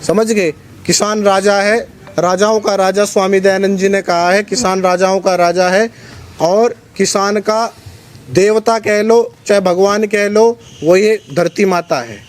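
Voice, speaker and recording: Man, high-pitched, forceful preaching, press conference spokesman. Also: fairly even intonation, a little slow. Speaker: Arya Samaj spokesman.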